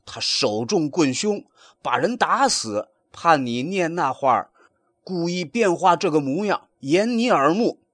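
A man doing a loud, tattling pig disciple. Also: on the high side, animated, unhurried, no room sound, pitched above the performer's own voice. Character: meddling, blabbing male pig disciple.

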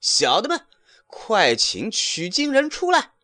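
A man's voice: fairly high pitch, wildly swooping pitch, unhurried, fairly bright tone, pitched above the performer's own voice, heavily acted. A man voicing a brash, cheeky male monkey king who talks boastfully and defiantly. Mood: gloating.

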